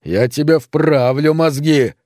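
Роль: разъярённый старый отец-фермер, лающий и презрительный, озвучивает мужчина; голос мягкий, запись сухая. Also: male voice, fairly high pitch, takes it slowly, a little mellow, dry recording, clean studio sound. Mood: furious. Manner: barking, scornful. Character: furious old male farmer father, gruff.

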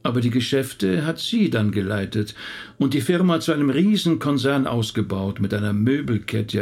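A male actor in a naturalistic radio drama plays a thoughtful middle-aged rabbi reflectively reminiscing about a late relative's life and his family history. He is talkative and a little hesitant, with a mid-range, darkish, slightly rough voice.

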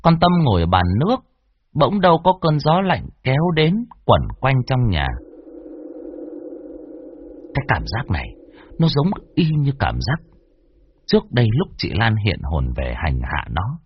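A man with a husky voice narrating a horror story, expressive with wide swings in pitch. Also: a little slow, pauses often, a little hiss or hum. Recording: dull lo-fi dry recording.

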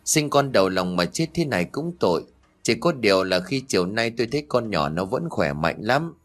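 A man voicing a gossiping village neighbor woman who talks in hushed, chatty tones. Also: lowish voice, very animated, fairly quick.

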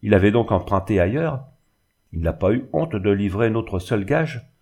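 Guy doing a gruff short-tempered charcoal burner, low husky voice, clipped lines. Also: expressive, normal speed, dark tone. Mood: curt. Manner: curt, gruff. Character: terse, hot-tempered middle-aged male charcoal burner.

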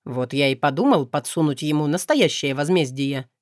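A woman reading an audiobook voices a stern, brooding young nobleman in a lowered, clipped voice. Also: lively intonation, normal speed, dry recording, clean studio sound. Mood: restrained.

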